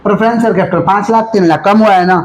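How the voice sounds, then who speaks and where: A male commerce teacher giving a classroom lecture, asking the class again and again if they follow, and slowing right down to dictate. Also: high-pitched, fairly even intonation, slight background noise, low-quality recording. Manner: repeatedly checks understanding with questions; dictates slowly, then rattles off explanations.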